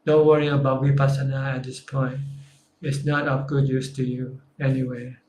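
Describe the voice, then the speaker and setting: Calm monk, flat steady delivery. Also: male voice, mid-range voice, normal speed, slight background noise. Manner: calm, simple, plain-spoken answers. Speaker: Buddhist monk teacher. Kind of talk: live question-and-answer teaching. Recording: echoey room.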